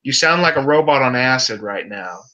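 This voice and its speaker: A man's voice: medium pitch, lively intonation, normal speed, sharp tone, faint music behind, rough recording. A man in a casual study-group video call, explaining things loosely and hesitantly as he thinks aloud.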